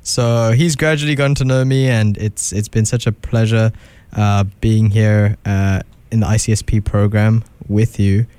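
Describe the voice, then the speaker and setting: A man's voice: fairly low pitch, steady tone, normal speed, hardly any pauses, mellow, smooth, no room sound. A young man from southern Africa hosting a casual radio show. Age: young adult.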